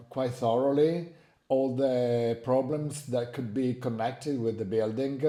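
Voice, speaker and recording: A man from Italy with an Italian accent, a native Italian speaker explaining his work as an interview guest and often pausing to search for words. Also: medium pitch, mellow. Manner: halting, searching for words, frequent hesitations. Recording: roomy, echoing sound.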